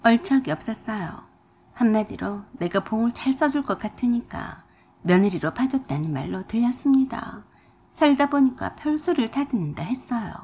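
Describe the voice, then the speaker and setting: A woman's voice: on the high side, expressive, moderate pace, mellow, a little hiss or hum. A woman narrating a radio drama in the first person, telling her story bluntly and indignantly.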